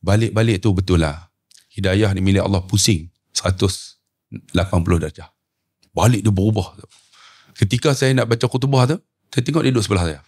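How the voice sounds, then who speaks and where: Brisk and husky, a middle-aged man with a Malaysian Malay accent, a preacher who also guides umrah tours, recounts a story on a talk show. He acts out the dialogue, his pitch swinging lively.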